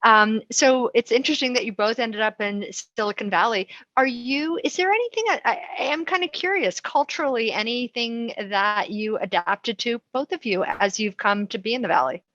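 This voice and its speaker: A woman's voice: on the high side, normal speed, hardly any pauses, fairly bright tone, no echo. A woman moderating a panel, asking questions with hesitant restarts. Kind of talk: interview questions. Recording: dull dry lo-fi audio.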